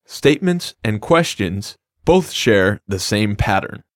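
Speaking slowly but very animatedly, this low-leaning male voice belongs to a co-host of a scripted language lesson. His explanations of phrases are upbeat and plain, captured in a dry studio with no room sound.

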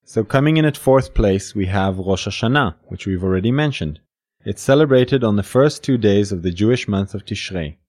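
A man with a fairly low voice co-hosts a scripted educational podcast. He explains traditions patiently and slips in light humor. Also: lively intonation, normal speed, a little mellow. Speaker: podcast co-host.

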